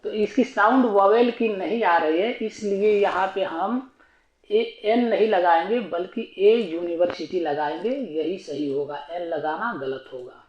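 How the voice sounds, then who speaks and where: A man's voice: high voice, unhurried, reverberant, lo-fi sound. A man teaching an online grammar lesson, explaining patiently and repetitively and asking himself rhetorical questions.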